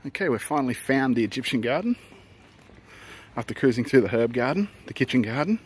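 A man's voice: medium pitch, fairly quick, slight background noise. Man narrating a garden walk outdoors. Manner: relaxed, chatty, narrating as he walks. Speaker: travel vlogger. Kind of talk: casual walking commentary. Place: outdoors in large public gardens.

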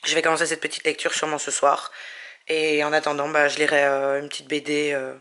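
Female book vlogger, hesitant casual chat, bright tone. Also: low-pitched, completely flat delivery, a little fast. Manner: hesitant, many fillers and restarts. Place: at home.

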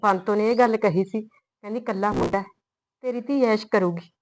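A woman's voice: medium pitch, a little fast, lightly acted, rough recording. A woman playing a worried rural mother who scolds and pleads with her daughter. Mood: scolding. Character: worried rural mother, firm yet loving. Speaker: mother of the heroine. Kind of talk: village short-film drama.

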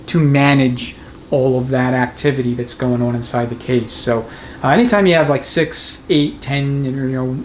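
A man demonstrates transmission work in an indoor repair workshop, talking through the job methodically in a conversational, unscripted way. His voice sits mid-range at a moderate pace, though the audio is poor and the shop's background noise comes through clearly.

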